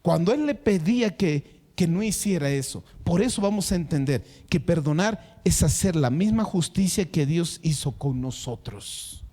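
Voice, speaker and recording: Man, pastor, high-pitched, sermon, emphatic, repeats words for stress. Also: lively intonation, moderate pace, few pauses, dark tone. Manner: addresses the congregation directly.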